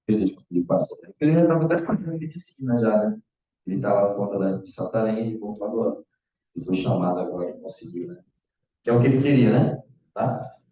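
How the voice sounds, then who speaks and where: A man's voice: fairly low pitch, animated, quick pace, dark tone. Casual man teaching math in an echoey room. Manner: casual, checks in often with the students. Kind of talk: online exam-prep lecture. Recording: echoey, distant, dull lo-fi room sound.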